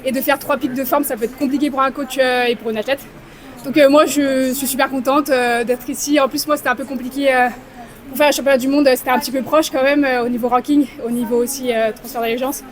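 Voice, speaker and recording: Upbeat high-voiced French woman athlete. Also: steady tone, quick pace. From France, raised in Canada. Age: 20s. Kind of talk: post-race interview. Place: outdoors at a stadium. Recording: crowd noise behind.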